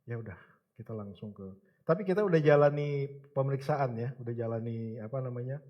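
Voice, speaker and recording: Middle-aged man, church elder, sermon, mid pitch, slightly dull recording. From Indonesia. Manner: emphatic, calls out to the congregation, then soft and halting while telling of hardship. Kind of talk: sermon with personal testimony.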